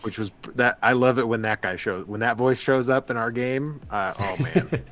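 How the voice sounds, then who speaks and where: A man's voice: medium pitch, moderate pace, fairly bright tone, faint music behind. Easygoing man joking on a livestream. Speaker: podcast co-host. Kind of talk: casual chat about tabletop games.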